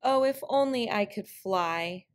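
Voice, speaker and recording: A woman voicing a boastful, eager male coyote in a storybook trickster tale, excitable and pleading. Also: medium pitch, a little slow, voice pushed up, natural voice.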